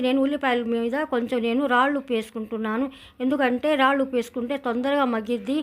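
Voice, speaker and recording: A middle-aged woman with a Telugu village accent, narrating her home cooking in a chatty, rambling way. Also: high voice. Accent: Telugu village speech. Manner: chatty, rambling storytelling with many restarts. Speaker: cooking channel host. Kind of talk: casual cooking vlog narration.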